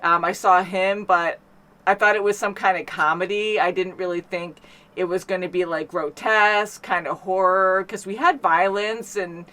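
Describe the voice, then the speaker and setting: A woman's voice: fairly low pitch, steady tone, moderate pace, a bit bright. A woman hosting a movie reaction, chatting casually and rambling with many fillers. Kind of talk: casual chat.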